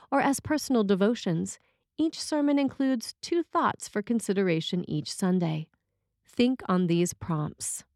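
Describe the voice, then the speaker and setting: A woman delivers a scripted sermon in the measured, formal manner of a priest. Her slightly mellow, mid-pitched voice is recorded close and dry, with very little room sound.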